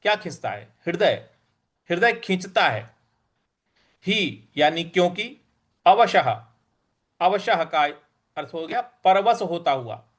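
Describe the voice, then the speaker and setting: Man, teacher, recitation lesson, high voice, slow syllable-by-syllable drilling. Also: very animated, fairly bright tone. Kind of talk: Sanskrit verse recitation lesson.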